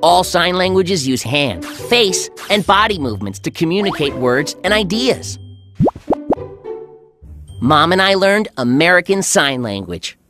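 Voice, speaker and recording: A performer with a mid-range voice plays an earnest, friendly schoolboy narrating a children's animated story over music. The delivery is measured and clearly enunciated, with an earnest storytelling mood.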